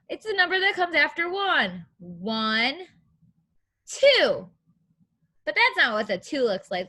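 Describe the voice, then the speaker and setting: A woman preschool teacher reads aloud to young children in a high, slightly bright voice. She asks them questions and counts in an encouraging, sing-song way, keeping her phrasing simple.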